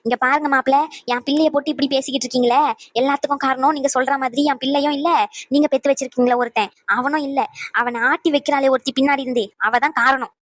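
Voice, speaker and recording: A gossiping old mother-in-law in a cartoon, played by a woman, rattling off her tattling at great speed in a high, dry voice. She schemes and stirs trouble. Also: steady tone, dry recording, close to an everyday voice. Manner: rapid, shrill, tattling. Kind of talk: animated cartoon voice acting.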